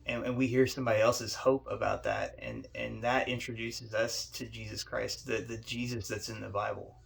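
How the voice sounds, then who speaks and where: A man's voice: medium pitch, little pitch movement, normal speed, creaky. A man giving a short sermon message, telling a story in a conversational way with frequent stammering repeats. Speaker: pastor.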